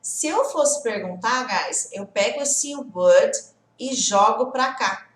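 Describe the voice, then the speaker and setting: Woman, native Portuguese speaker, English teacher, live-stream lesson, lively, fairly high voice, echoey room. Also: slow pace. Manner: lively, often checks in with "tá?" and "né?"; greets viewers by name.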